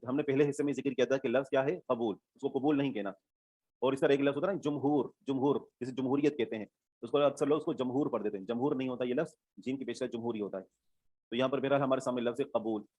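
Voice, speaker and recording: A man teaching an online religious studies class. He explains each term patiently, repeats key words and checks that his students are following. His voice sits at a middle pitch and sounds dry and close to the mic. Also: darkish tone, dry recording. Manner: explains step by step, repeats terms, checks understanding.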